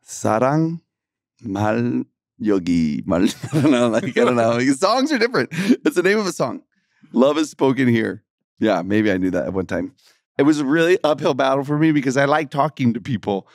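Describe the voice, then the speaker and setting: A man co-hosting a casual faith podcast, animated and joking, laughing often as he tells stories. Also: medium pitch, normal speed, no room sound, clean studio sound. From Texas. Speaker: podcast co-host. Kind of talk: casual gospel podcast chat.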